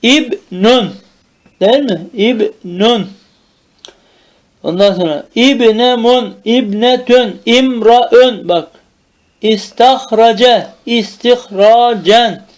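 A man teaches grammar in the old madrasa manner, with a high voice. He speaks slowly and draws out each term. He keeps asking whether the point is understood. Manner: drills terms slowly, asks checking questions. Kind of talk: traditional madrasa-style grammar lesson.

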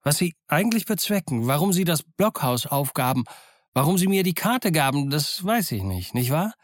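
A man's voice: a little high, very animated, normal speed, no room sound, voice pushed up. A man plays a cunning old pirate cook in a storybook, speaking in a raised, wheedling voice. The recording is dry and close. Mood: indignant. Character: wily older male pirate ship's cook. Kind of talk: audiobook character voice.

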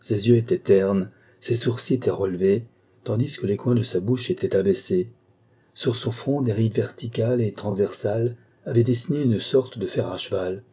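Dark husky-voiced male narrator. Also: on the low side. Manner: measured, even literary reading. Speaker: audiobook narrator. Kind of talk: scripted narration.

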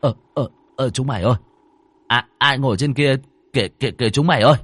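A man's voice: medium pitch, moderate pace, fairly bright tone, soft background music, natural voice. A man voicing a frightened young village man who stammers and pleads. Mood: panicked.

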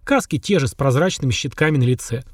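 A man reading the part of a dutiful army commander who answers his superior with formal, crisp reporting. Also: medium pitch, expressive, fast talker, no echo, clean studio sound.

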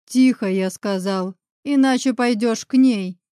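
A woman voicing a brutal male soldier guard who snaps gruff threats. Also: on the high side, unhurried, warm tone, no echo, studio quality, close to an everyday voice. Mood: barking.

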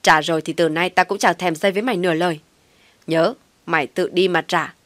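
A woman's voice: lowish voice, fairly even intonation, a little fast, fairly bright tone, no room sound, close to an everyday voice. A woman voicing a stern contemptuous older brother. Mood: contemptuous anger. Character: angry older brother lecturing his sibling.

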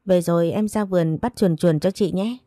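A woman's voice: fairly low pitch, moderate pace, dark tone, dry recording, clean studio sound, lightly acted. A woman voicing a caring young girl who coaxes her older sister in a storybook reading. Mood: coaxing.

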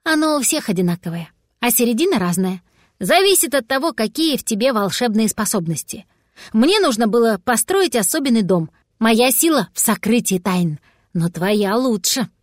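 A woman voicing a young male wizard who speaks softly, politely and gently. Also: on the high side, sing-song, moderate pace, no room sound, clean studio sound. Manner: soft and quiet.

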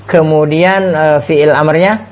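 A man's voice: fairly high pitch, steady tone, slow, dull audio, a little hiss or hum. A man with an Indonesian accent teaching an Arabic lesson, repeating words and quizzing his students. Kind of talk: classroom lesson.

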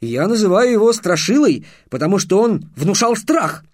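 Мужчина, читающий аудиокнигу, озвучивает юного ученика, робкого поначалу, а затем страстного и обличающего. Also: male voice, high voice, very animated, normal speed, dry recording, pitched above the performer's own voice. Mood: impassioned. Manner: timid at first, then impassioned and accusing. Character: young male apprentice, a nervous boy turned fiery orator. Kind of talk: audiobook character voice.

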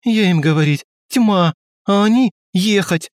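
A man voicing an anxious young foreigner who speaks in broken, halting grammar. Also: fairly high pitch, no room sound, clean studio sound, pitched above the performer's own voice, lightly acted. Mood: bitter.

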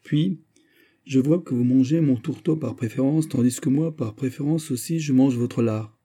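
A man voicing a bold, jovial male musketeer who flatters and teases his dinner companion. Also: mid-range voice, moderate pace, slightly rough, voice pushed up, close to an everyday voice. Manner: bright, exclamatory, bantering.

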